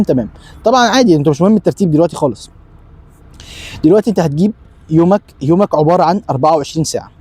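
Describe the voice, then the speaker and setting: A man's voice: fairly high pitch, warm tone, husky, dry recording. A young man with an Egyptian accent gives a casual step-by-step lesson. He asks himself questions and answers them, and often repeats short phrases. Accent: Egyptian Arabic. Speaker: self-help video host. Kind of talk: casual instructional talk.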